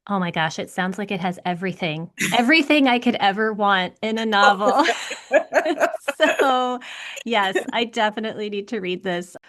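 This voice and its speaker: A woman's voice: mid-range voice, moderate pace, a bit bright. A woman hosting a podcast about publishing, introducing her guest and asking questions with chatty enthusiasm. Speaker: podcast host. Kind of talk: podcast interview.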